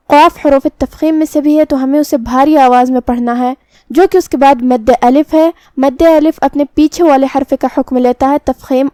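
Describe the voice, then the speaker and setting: A woman's voice: high voice, a little mellow, clean tone, no room sound, clean studio sound. A woman teaching a recitation lesson, explaining pronunciation rules step by step in a patient, instructional way. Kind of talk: tajweed lesson with slow chanted recitation.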